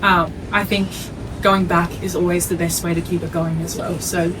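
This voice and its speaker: On the low side and level in tone, her voice moves at a moderate pace against background noise. She's a young adult netball player being interviewed, Icelandic by origin but raised in Australia from age three, so she has an Australian accent and chats informally.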